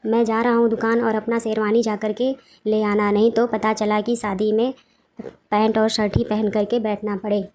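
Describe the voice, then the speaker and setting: A woman's voice: mid-range voice, little pitch movement, normal speed, darkish tone, lightly acted. A woman voicing a cheeky younger brother. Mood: teasing.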